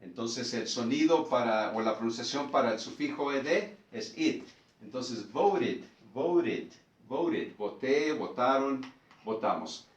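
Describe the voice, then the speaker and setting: Slow, patient male teacher in a roomy space. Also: mid-range voice, recorded from a distance. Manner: slow, patient, repeats words for practice. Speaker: English teacher. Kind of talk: explaining a lesson.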